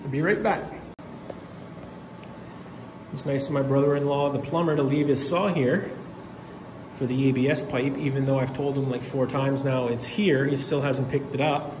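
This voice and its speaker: This is a home renovator's phone video from a concrete basement, where he walks and describes his own repair work in a loose, matter-of-fact ramble with lots of fillers. His medium-pitched voice keeps a steady tone at a moderate pace, and the room echoes over background noise.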